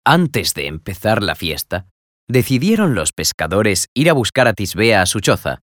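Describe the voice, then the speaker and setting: A man narrating a classic play in an expressive storytelling reading. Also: fairly low pitch, moderate pace, dry recording, clean studio sound.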